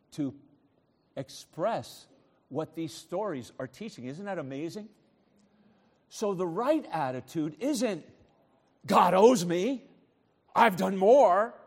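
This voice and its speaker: A man's voice: fairly high pitch, darkish tone, long reverb tail. A man preaching a sermon as pastor, acting out grumbling voices and switching between muttering and raised preaching.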